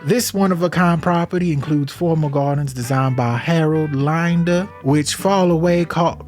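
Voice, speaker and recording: A man's voice: on the high side, moderate pace, darkish tone, faint music behind, pitched above the performer's own voice, close to an everyday voice. A man reading a luxury home listing in a put-on Southern US accent, grand and drawn out. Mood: grandiose.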